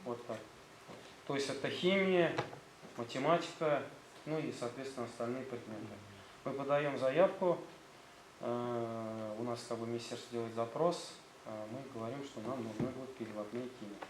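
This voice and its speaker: Showing visiting officials around his gymnasium, a Tatar-accented school director talks at a normal pace in a mid-range voice, hesitating and filling gaps often. The sound is roomy, with a little background noise.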